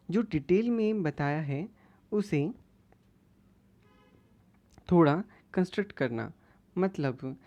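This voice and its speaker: Low-voiced woman lecturing on exam terms. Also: warm tone. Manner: explains Sanskrit terms, then restates each in plain terms. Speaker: teacher. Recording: dull lo-fi audio.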